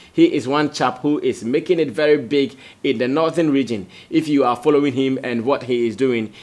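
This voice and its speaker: A Ghanaian man presents an entertainment news roundup at a mid pitch, speaking straight to his viewers. He is conversational and leans hard on the points he wants to land. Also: darkish tone. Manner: conversational, emphatic, addresses viewers directly.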